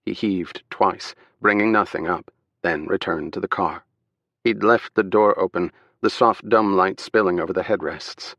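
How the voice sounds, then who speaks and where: A man narrates a thriller in a measured, steady read. His voice is very low, and the recording is dry and close, with no room sound. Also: no echo. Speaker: audiobook narrator. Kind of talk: scripted narration.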